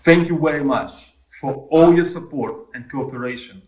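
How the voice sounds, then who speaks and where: A man from Ukraine with a Ukrainian accent, a chaplain giving a short report in deliberate, plain non-native English, in short phrases. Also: on the high side, a little mellow. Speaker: military chaplain. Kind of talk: short prepared video report. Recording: roomy, echoing sound.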